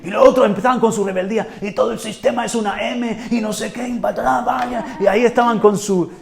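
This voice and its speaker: A man from Murcia in Spain, a pastor preaching an animated sermon that builds to loud exclamations. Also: sits high, quick pace, vocal fry. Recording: echoey church hall.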